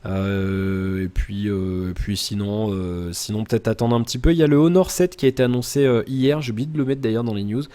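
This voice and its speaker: A man's voice: on the low side, brisk, few pauses, warm tone. A man chatting casually in a daily vlog, answering viewer comments in a rambling way with many fillers and restarts, talking straight to the viewer. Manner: addresses the viewer informally.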